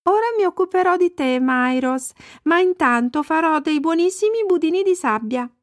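A woman voicing a small eager girl in a storybook reading, high and excited. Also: moderate pace, dry recording, clean studio sound.

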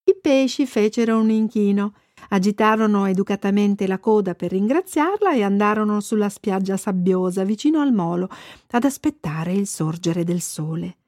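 A woman narrating a children's storybook in an expressive, lively way. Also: mid-range voice, normal speed, no echo, clean studio sound. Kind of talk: storybook reading.

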